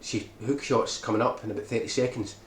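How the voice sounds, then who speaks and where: A man's voice: medium pitch, fairly even intonation, a little fast. Man explaining a speedrun in an echoey room. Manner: explanatory, keeps checking in with "right?". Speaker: speedrun guide maker. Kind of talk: game tutorial commentary. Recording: echoey room with background noise.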